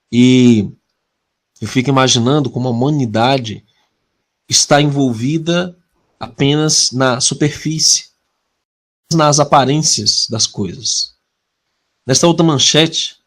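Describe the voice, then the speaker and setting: A man with a Brazilian Portuguese accent leading a weekly prophecy study, earnest and measured, slowing down to stress key words. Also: mid-range voice. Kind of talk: prophecy study talk with opening prayer.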